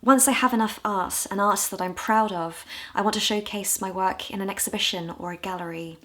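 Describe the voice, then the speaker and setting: A woman from the UK in her twenties, talking candidly and with self-deprecating humor in a casual vlog, her voice a little hoarse. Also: mid-range voice, steady tone, fairly quick, a bit bright. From United Kingdom. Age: 20s. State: hoarse, low on voice. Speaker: vlogger.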